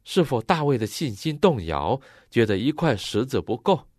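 A man interpreting a sermon phrase by phrase, matching the preacher's expressive delivery. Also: mid-range voice, normal speed, no echo, clean studio sound.

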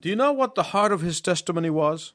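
A man preaching a sermon in short phrases, pausing so an interpreter can translate each one. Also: high-pitched, lively intonation, fairly bright tone, no room sound, clean studio sound.

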